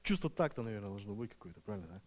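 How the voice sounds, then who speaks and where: A retreat participant gives a church testimony in Russian, which is not his first language. His lowish, slightly mellow voice is sing-song and very fast, and he sounds nervous and hesitant, full of fillers and restarts.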